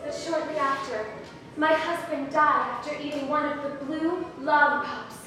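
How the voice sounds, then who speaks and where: A woman playing a wealthy young widow who begs a detective for help, in an amateur noir radio play, speaking slowly and earnestly. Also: high voice, fairly even intonation, natural voice. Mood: pleading. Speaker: client in a noir mystery. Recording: echoey room from a distant mic with music. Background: music.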